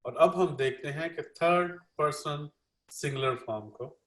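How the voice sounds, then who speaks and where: A man's voice: a little high, measured pace, fairly bright tone. Man interpreting a lecture, echoey room. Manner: repeats each line, uses many fillers.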